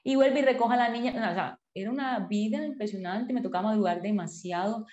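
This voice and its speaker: A woman, a podcast guest telling her personal story in an animated way, acting out her past self in quotes. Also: fairly high pitch, quick pace. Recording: echoey room, dull lo-fi sound.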